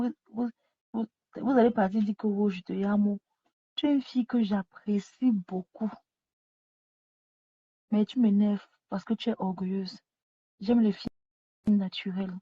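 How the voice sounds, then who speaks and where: A woman's voice: medium pitch, husky, no echo. A woman, ranting and scolding in a repetitive live video monologue while she lies down, talking into a phone she has set down. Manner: scolding, repetitive, talks to the viewers. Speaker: live streamer. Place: lying down at home. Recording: dull lo-fi phone audio.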